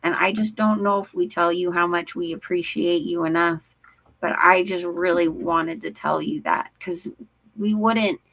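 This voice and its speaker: A woman's voice: lowish voice, fairly even intonation, unhurried, gravelly, fairly bright tone. A woman co-hosting a live stream, chatting casually with a Valley-girl lilt and lots of "like". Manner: chatty, laughs often, says "like" a lot. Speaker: co-host of a live stream show.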